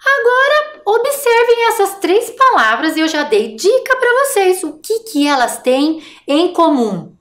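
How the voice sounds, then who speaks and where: A woman teaching young children in a recorded remote class, encouraging and speaking slowly and clearly. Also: extremely high pitch, sing-song, a bit bright, echoey room. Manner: encouraging, sing-song, slow and clear for children. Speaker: primary school teacher.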